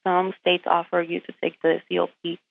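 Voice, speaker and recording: Brisk, creaky, and completely flat in delivery, her lowish voice carries no room sound over a tinny phone line. She's a Puerto Rican truck driver, a native Spanish speaker, appearing as an interview guest. She makes her case directly and with emphasis, frequently asking rhetorical questions.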